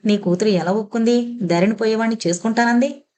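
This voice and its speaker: A woman voicing a sharp-tongued, domineering elderly grandmother in an audio novel, scolding and sarcastic. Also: on the high side, fast talker, natural voice. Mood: persuading.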